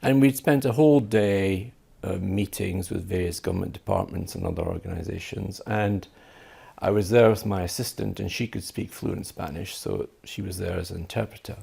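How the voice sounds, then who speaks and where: A man from Scotland telling an anecdote as a guest, animated and building to the punchline. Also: sits low, moderate pace, vocal fry, husky. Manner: lively, animated storyteller. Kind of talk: anecdote in conversation.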